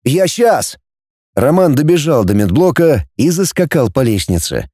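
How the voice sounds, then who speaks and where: A male narrator reads an audiobook with expressive storytelling. His voice is dark and mellow, and his pitch moves a great deal. The recording is close and dry. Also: normal speed, no echo.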